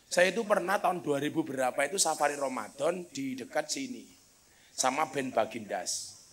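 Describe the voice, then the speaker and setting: A man's voice: mid-range voice, moderate pace, a bit bright. A man preaching a humorous sermon, telling stories and breaking into chanted Arabic recitation.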